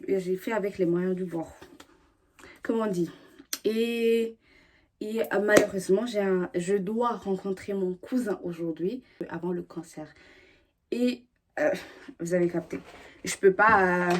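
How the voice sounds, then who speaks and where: A woman's voice: mid-range voice, a little mellow, a little hiss or hum. A young woman from Burundi chatting to the camera in a slangy way, full of fillers and restarts. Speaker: vlogger. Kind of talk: casual chat to camera.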